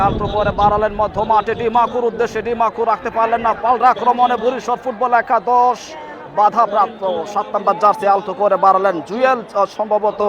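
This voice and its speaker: A Bangladeshi man giving live, frantic and excited football commentary, calling the play with drawn-out words. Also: high-pitched. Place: outdoor football ground. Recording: loud crowd outdoors at a match. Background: crowd of spectators.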